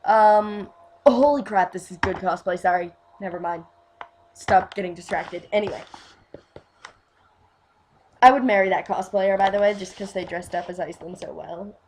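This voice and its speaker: A woman in casual fan chat, rambling and gushing, full of fillers, swinging from quiet asides to loud bursts. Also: fairly low pitch, steady tone, moderate pace, pauses often, a little hiss or hum. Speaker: fan vlogger.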